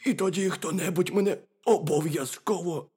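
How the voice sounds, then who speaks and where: A man voicing a timid male hare in a storybook, speaking slowly and muffled, as if from inside a burrow. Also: sits high, warm tone, slightly rough, pitched above the performer's own voice. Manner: slow, muffled from far off.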